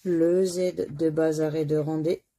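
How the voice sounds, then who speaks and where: A woman's voice: low-pitched, little pitch movement, unhurried, mellow. A French woman hosting a scratch-card channel, chatting casually as she scratches tickets and spells out letters one by one. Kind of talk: casual commentary while scratching lottery tickets.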